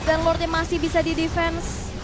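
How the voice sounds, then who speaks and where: A woman's voice: very high-pitched, monotone, normal speed. A woman with an Indonesian accent calling a live esports match as play-by-play caster, urgent and dramatic. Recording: music behind the voice.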